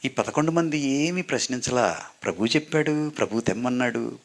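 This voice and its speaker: Lower-voiced male priest preaching. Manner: preaching with call-and-response to the congregation; mixes in English phrases. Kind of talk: sermon.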